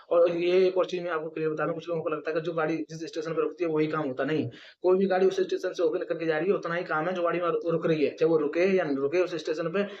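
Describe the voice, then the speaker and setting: Fast-talking man giving blunt advice. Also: fairly high pitch, dull audio. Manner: blunt, repetitive warnings, many fillers. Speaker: former station master giving career advice. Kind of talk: casual spoken advice to viewers.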